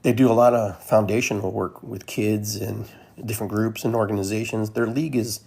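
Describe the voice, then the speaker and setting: A man's voice: lowish voice, steady tone, a little fast, creaky, mellow, breathy edge. A man from Peru hosting a podcast, talking in a loose, rambling monologue that keeps repeating phrases. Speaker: podcast host. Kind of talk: casual monologue.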